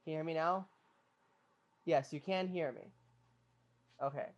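A man's voice: on the high side, unhurried, dull audio. A man co-hosting a casual news discussion over a remote call whose audio keeps dropping out and cutting back in. He halts, restarts, and checks whether he can be heard. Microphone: remote call microphone.

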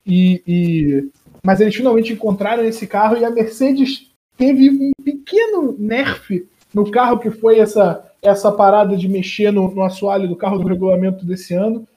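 A Brazilian man talks sports in a loose, slangy way. His voice is notably high for a man, yet mellow and relaxed in tone. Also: normal speed. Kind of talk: casual sports podcast chat.

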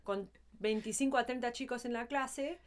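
Woman, light argentine accent, fairly high voice, casual storytelling chat. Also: moderate pace. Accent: light Argentine Spanish. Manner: chatty, storytelling with asides.

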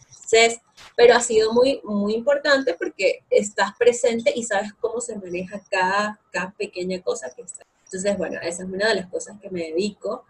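A young woman with a husky, mid-range voice speaks enthusiastically and with plenty of fillers about the online English academy she co-founded. She's a guest in a conversational interview, and the recording quality is low.

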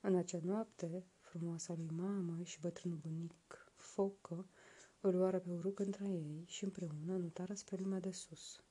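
Woman storyteller, folk tale reading, hushed and slow, low mellow voice. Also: fairly even intonation, breathy edge. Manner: soft, slow, hushed narration.

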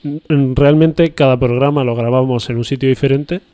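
A man's voice: medium pitch, steady tone, moderate pace, mellow. Joking male podcast host, mock-serious. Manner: joking, riffs into absurd improvised stories, mock-serious. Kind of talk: casual chat.

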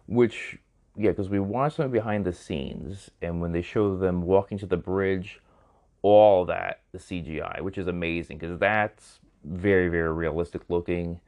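A man's voice: deep voice, a little slow, a little mellow. A man co-hosting a casual movie review podcast, rambling and checking in with his co-host. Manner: rambling, repeats himself, checks in with "right?".

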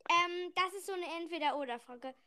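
A woman's voice: very high voice, fairly quick, a crowd in the background. A woman in casual, playful chat, asking questions as a partner in a challenge.

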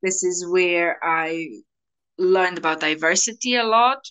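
As an interview guest, a Slovenian woman in her thirties, a native speaker, chats enthusiastically and laughs a lot while answering. Her voice is fairly low, a bit bright and smooth, and she speaks a little slowly.

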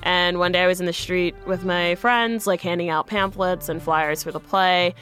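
A woman's voice: on the low side, steady tone, normal speed, a bit bright, faint music behind. A woman from the United States telling a personal story in a chatty way, full of "like". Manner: chatty, fillers of "like" throughout. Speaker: guest storyteller.

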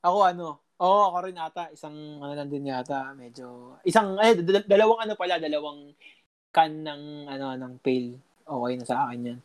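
A man's voice: on the high side, fairly quick. A young man telling a story in a casual chat, rambling with lots of fillers and mild swearing.

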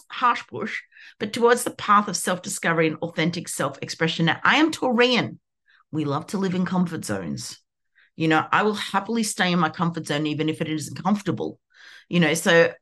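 A woman in her fifties hosting a podcast, telling a personal story in a candid, animated way, with lots of "you know". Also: lowish voice. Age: 50s. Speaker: podcast host. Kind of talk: personal reflective monologue.

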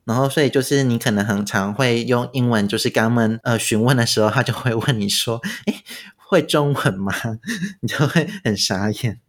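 A man's voice: medium pitch, fairly even intonation, a little fast, hardly any pauses. A man with a Taiwanese Mandarin accent chatting casually as a guest, recounting his travels. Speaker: podcast guest recounting a trip. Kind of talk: casual chat.

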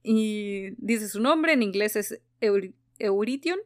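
A woman's voice: mid-range voice, slow pace. A woman with a Chilean accent hosting a casual podcast chat, recapping a book with lots of laughter and acted-out quotes. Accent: Chilean Spanish. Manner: lively, laughs often, acts out quoted lines. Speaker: podcast host.

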